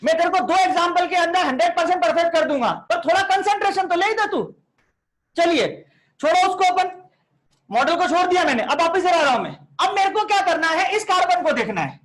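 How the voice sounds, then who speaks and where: A man's voice: extremely high pitch, animated, brisk, fairly bright tone. A man teaching a chemistry class online, chatty and coaxing, scolding students by name and mixing English terms into his talk.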